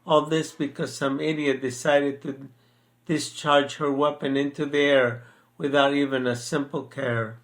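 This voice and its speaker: A man's voice: medium pitch, level tone, measured pace, fairly bright tone. An older man in a casual chat, who then reads his own poem aloud, speaking hesitantly with many fillers. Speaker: poet sharing his poems.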